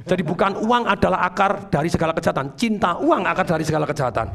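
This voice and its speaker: A man giving an energetic motivational seminar talk, drawing call-and-response from the audience and addressing them formally again and again. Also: high voice, quick pace, vocal fry. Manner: acts out tones of voice to make points. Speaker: motivational speaker.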